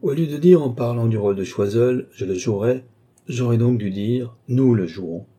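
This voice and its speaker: A man reading an audiobook, voicing a scheming old male marshal who wheedles and then scolds in sudden high bursts. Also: normal speed, mellow, lightly acted.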